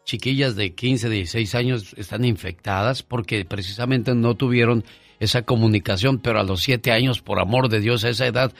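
A man's voice: medium pitch, brisk, vocal fry, dry recording, faint music behind. A man co-hosting a radio show in a campy, teasing way, bantering playfully with his partner and callers. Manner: campy and teasing, calls people "diva". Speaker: radio co-host. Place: radio studio.

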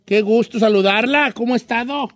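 A man's voice: extremely high pitch, a bit bright, dry recording. A man hosting a radio quiz show, teasing callers and drawing out countdowns. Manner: joking, teasing, drawn-out countdowns. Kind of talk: prank call quiz show banter.

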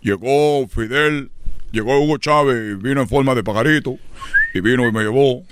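A man's voice: medium pitch, normal speed, background noise. A man hosting a comedy radio sketch, telling a rambling story and laughing at his own jokes. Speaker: comedy host.

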